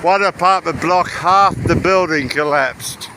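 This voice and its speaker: In an unhurried, fairly high voice, a travel vlogger meanders through chatty commentary as he walks outdoors by the sea. Waves, wind and outdoor ambience come through clearly in this windy recording.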